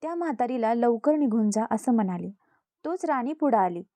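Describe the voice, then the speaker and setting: High-voiced woman telling a devotional tale. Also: lively intonation, moderate pace, mellow, dry recording. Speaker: storyteller. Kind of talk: devotional folk tale narration.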